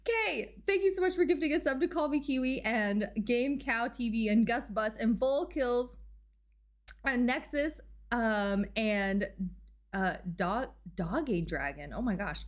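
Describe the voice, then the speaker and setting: A woman livestreamer chatting casually with her audience in a cute, bubbly, excitable and gushing way. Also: on the high side, slow. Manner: excitable, exclamatory. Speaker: livestreamer and host. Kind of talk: casual livestream chat, greeting raiders and thanking gifters.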